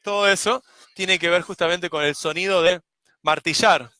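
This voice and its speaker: A man teaching poetics, explaining in a measured way and tapping out rhythms with spoken syllables. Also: high voice, sharp tone, no echo. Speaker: poetry teacher.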